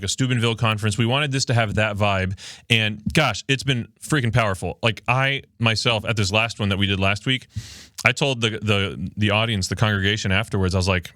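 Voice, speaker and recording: Speaking into a studio mic with no room sound, this podcast host has a fairly low, bright voice and a forceful tone. He grew up speaking Spanish in Miami, Florida, and runs a casual livestream, joking loosely and reading out viewer comments on little sleep.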